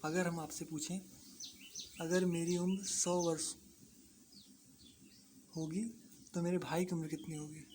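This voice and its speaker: Maths tutor, steady monotone delivery, restates every step, quizzes then answers self; faint birdsong behind. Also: mid-range voice, a little slow, long pauses, background noise. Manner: repeats points, asks and answers own questions. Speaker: maths teacher. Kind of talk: explaining a lesson to exam students.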